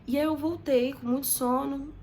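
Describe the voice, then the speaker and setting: A woman's voice: high voice, steady tone, normal speed, darkish tone, slight background noise. A young woman, telling a story to her viewers in a chatty, dramatic way. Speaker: vlogger. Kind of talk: casual storytelling to camera.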